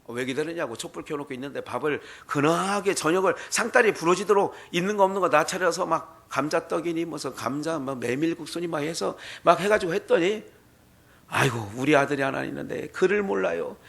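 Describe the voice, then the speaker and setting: High-voiced animated male pastor preaching. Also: fairly quick, creaky, few pauses. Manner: animated storytelling, asks the congregation questions. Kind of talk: sermon with told folk tale. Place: church sanctuary.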